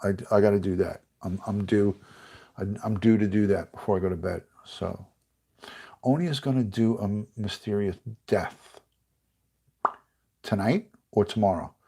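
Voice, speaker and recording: On a casual livestream, a middle-aged American ex-detective rambles and reads viewer comments aloud at a moderate pace, leaving long pauses. His male voice is lowish, congested and stuffy, mellow with a breathy edge.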